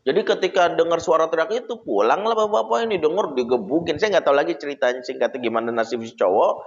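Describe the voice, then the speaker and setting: A man's voice: on the high side, fast. Male preacher telling a story in a hall. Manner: conversational, animated storytelling. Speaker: Islamic preacher. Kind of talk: casual Islamic parenting talk with storytelling. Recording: echoey hall, dull lo-fi sound.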